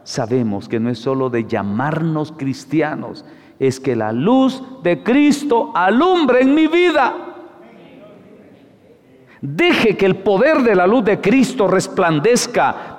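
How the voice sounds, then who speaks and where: A man's voice: fairly high pitch, darkish tone. A man preaching a sermon, telling stories and exhorting his listeners, heard in an echoing hall. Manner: storytelling, exhorting. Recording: echoey hall.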